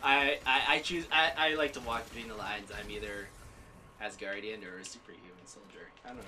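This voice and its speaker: A man's voice: on the low side, fairly even intonation, fairly quick, sharp tone. A playful, giggly man bantering while playing a game with friends. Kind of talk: casual let's-play banter. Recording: distant mic with background noise.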